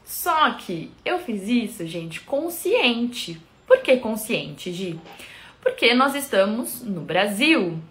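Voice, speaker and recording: A woman's voice: a little high, very animated, slow pace, a bit bright. A woman from Brazil with a Brazilian Portuguese accent, a confectionery owner explaining things to viewers in a chatty, emphatic vlog.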